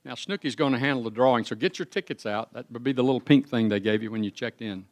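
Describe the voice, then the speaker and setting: A man in his seventies runs the raffle at a class reunion, spelling out ticket numbers digit by digit with an easy folksy humor. His voice sits at an ordinary middle pitch, and the sound is close and dry, with little room echo. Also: fast talker. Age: 70s. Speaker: reunion emcee. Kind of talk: casual event announcing. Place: school cafeteria at a class reunion.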